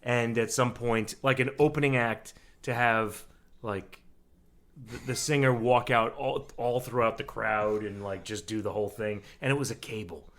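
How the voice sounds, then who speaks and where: A man's voice: medium pitch, steady tone, moderate pace, a bit bright. Guy in his 40s rambling on a podcast, swears a lot, regular middle voice. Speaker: podcast co-host. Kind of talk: casual chat.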